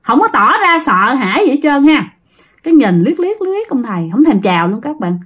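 A woman's voice: high voice, sing-song, moderate pace, fairly bright tone, breathy edge. A woman telling a ghost story in a chatty way, often speaking straight to her listeners. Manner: chatty, addresses listeners directly.

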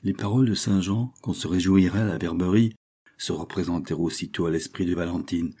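A man narrating a novel as an audiobook, in a measured, dramatic reading. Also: deep voice, steady tone, dark tone, slightly rough.

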